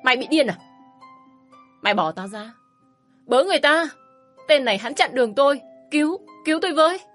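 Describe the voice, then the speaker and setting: A woman voicing a fiery, fed-up divorced young mother who talks sharp and scornful and shouts in anger in a storybook reading. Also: medium pitch, fairly quick, soft background music, lightly acted. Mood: screaming. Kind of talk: storybook narration.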